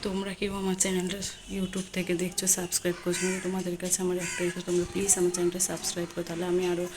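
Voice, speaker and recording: Woman, 30s, chatty home vlog, slightly low voice, phone recording with audible background noise. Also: monotone, rapid-fire. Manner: chatty, showing and explaining chores to viewers. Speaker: home vlogger. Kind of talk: casual home vlog walk-through. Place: her home.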